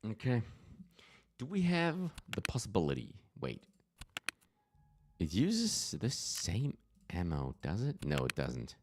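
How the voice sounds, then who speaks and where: Low-pitched and slow, with wildly swooping pitch and frequent pauses, a young man with a German accent chats over background noise. As a gaming streamer doing casual let's-play commentary, he rambles, chuckles, talks to himself while playing, and answers his chat.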